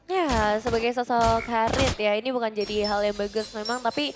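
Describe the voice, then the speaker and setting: Indonesian girl co-casting esports, talks quick, high voice, music going behind her. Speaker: esports co-commentator. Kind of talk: game analysis commentary. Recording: music and game sound behind.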